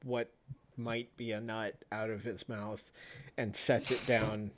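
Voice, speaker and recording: A man's voice: on the low side, level tone. Man narrating as game master. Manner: descriptive, with pauses and restarts.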